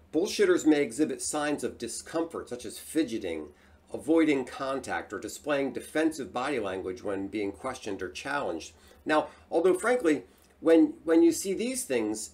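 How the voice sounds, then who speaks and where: A man hosting a solo talk, speaking in an animated, emphatic way. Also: mid-range voice. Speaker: host.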